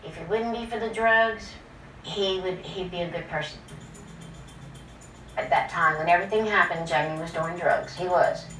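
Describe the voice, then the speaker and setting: A woman's voice: mid-range voice, fairly bright tone, far from the mic. Plain-spoken mature woman in an echoey interview. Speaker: interviewee, mother of an inmate. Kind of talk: informal documentary interview.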